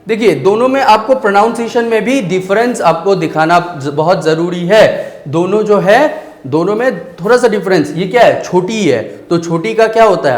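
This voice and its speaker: A man teaching a Hindi grammar class, explaining slowly and asking questions that he answers himself, drawing vowel sounds out syllable by syllable. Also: high-pitched, roomy sound. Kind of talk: online Hindi grammar lesson.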